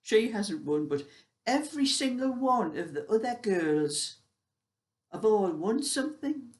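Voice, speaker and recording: A woman's voice: medium pitch, very animated, unhurried. An elderly British woman of seventy-five chatting casually, telling everyday stories in a rambling, conversational way. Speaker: vlogger sharing everyday life. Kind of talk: casual chat.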